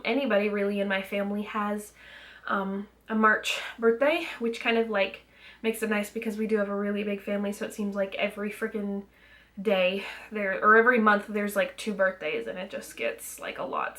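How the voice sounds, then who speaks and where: A woman's voice: medium pitch, fairly bright tone. A young woman chatting to her camera in a loose, rambling way. She fills her sentences with ums and restarts, sounding a little out of breath. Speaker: vlogger. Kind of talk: casual vlog chat.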